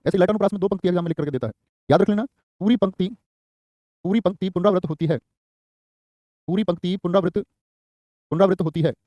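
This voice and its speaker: A man's voice: sits high, mellow, no echo, studio quality. A male teacher giving a live online exam-prep class, repeating key phrases for dictation and answering students by name. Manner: quick, repetitive dictation, calls students by name.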